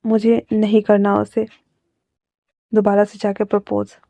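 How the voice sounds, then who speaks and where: A woman's voice: medium pitch, monotone, a little slow, creaky, dark tone, no echo. Woman voicing a reserved, wry young man. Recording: dull lo-fi recording.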